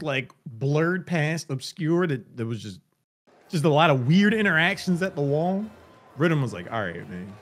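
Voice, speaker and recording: A man giving casual live fighting game commentary, bantering and using slang over the match. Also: fairly high pitch. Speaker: esports tournament commentator. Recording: music behind the voice.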